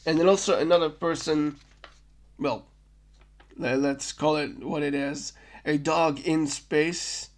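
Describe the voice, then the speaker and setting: A man's voice: fairly high pitch, fairly even intonation, slow pace, long pauses. A man hosting a podcast, recapping a film in a casual, rambling way, often stopping to correct himself. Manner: rambling, self-correcting, stammers on restarts. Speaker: podcast host.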